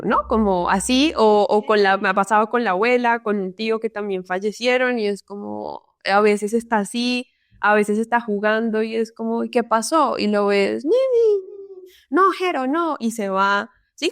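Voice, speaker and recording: A Colombian woman talks as a guest in a relaxed interview, thoughtful and unhurried in her phrasing. Her voice is smooth and clear at a middle pitch, and the sound is dry and close with no room around it. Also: dry recording. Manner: reflective, tags sentences with "¿no?". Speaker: psychologist guest. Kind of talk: casual interview conversation.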